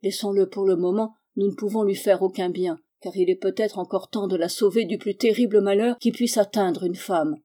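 A woman voicing a frantic, desperate bearded man who talks loudly. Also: mid-range voice, steady tone, moderate pace, few pauses, natural voice. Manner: loud and desperate.

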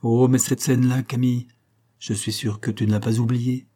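A man's voice: mid-range voice, little pitch movement, normal speed, dark tone, natural voice. A man voicing a prim, unmarried schoolteacher aunt who confides an old secret with earnest feeling, in a read-aloud story. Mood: impassioned confiding.

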